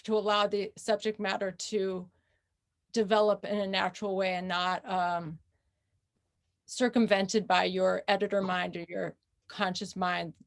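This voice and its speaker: An American woman author speaking in a conversational interview, thoughtful and unhurried, pausing often with fillers. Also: medium pitch. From United States. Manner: thoughtful, with frequent pauses and fillers.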